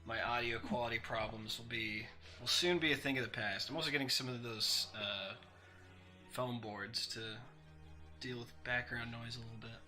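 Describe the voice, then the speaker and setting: A man narrating a tabletop game as game master, talking haltingly with many restarts. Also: medium pitch, steady tone, bright, forceful tone. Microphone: home mic that keeps breaking up. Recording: mic cutting in and out, faint music.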